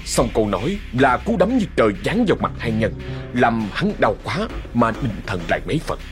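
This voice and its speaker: A man narrating a ghost story in a measured, dramatic storytelling way. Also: medium pitch, very animated, music in the background.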